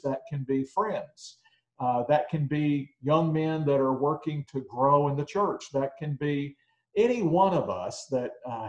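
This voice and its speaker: A man in his sixties giving a conversational sermon to a congregation, often pausing with filler words. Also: medium pitch, a little mellow. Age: 60s. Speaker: preacher. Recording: roomy echo.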